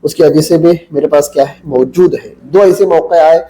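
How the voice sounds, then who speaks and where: Blunt, slightly high-voiced male cleric. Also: warm tone, poor audio. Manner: combative, blunt and lecturing. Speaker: mufti, Islamic cleric. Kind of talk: religious talk to camera, anecdote and preaching.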